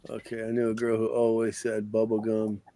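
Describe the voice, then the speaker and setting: A man's voice: on the low side, monotone, fairly quick, dark tone, a little hiss or hum. A man in a casual live group chat, joking around and reading fun facts aloud.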